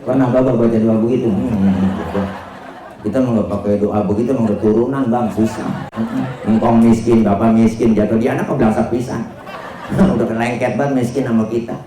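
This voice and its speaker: A man's voice: lowish voice, steady tone, moderate pace, warm tone. A man with a Betawi accent preaching a humorous Islamic sermon, joking and telling stories to the audience at a home gathering. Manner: joking, slangy and storytelling, addressing the audience directly. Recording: echoey room, faint background noise.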